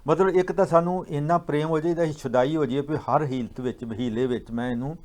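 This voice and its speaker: A man explaining religious teachings in a patient, teaching manner, slowing down to recite verses. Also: fairly high pitch, fairly even intonation, a little mellow. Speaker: guest speaker on Sikh scripture.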